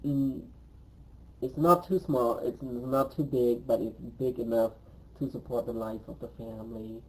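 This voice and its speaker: In an oral history interview, a man from Cambodia in his twenties speaks English with a medium-pitched voice and fairly even intonation. He recalls his life hesitantly, pausing often with um. The recording is low quality.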